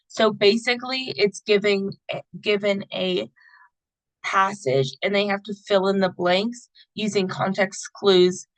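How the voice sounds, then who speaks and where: A woman's voice: mid-range voice, fairly bright tone, dry recording, poor audio. A young woman giving a class presentation, explaining a teaching strategy with frequent hesitations. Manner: hesitant, many fillers. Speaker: student presenter.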